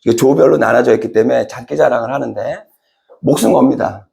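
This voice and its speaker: A middle-aged male pastor preaching a sermon, telling stories with lively acted-out voices and asking the congregation questions. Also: a little fast, gravelly. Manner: animated storytelling, acts out characters with big pitch jumps; conversational, asks the congregation questions.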